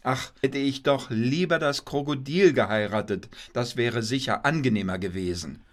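A man voices Kasper in a puppet play, a mischievous puppet husband who teases his wife by pretending to mishear her and turns whiny when scolded. The mood is teasing and playful. His voice is mid-range, at a moderate pace and lightly acted.

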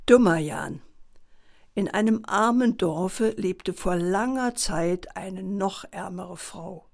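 Lady reading a bedtime story, slow and gentle, mid-pitched. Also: gravelly. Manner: calm, gentle, measured.

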